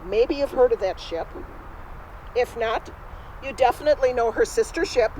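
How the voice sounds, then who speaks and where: A woman's voice: fairly high pitch, normal speed, warm tone, slight background noise, natural voice, rough recording. A woman in costume playing a spirited, independent Norwegian immigrant woman, telling her story in first person straight to a live audience outdoors. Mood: chatty. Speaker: costumed re-enactor. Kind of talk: first-person historical re-enactment. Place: outdoors at a cemetery.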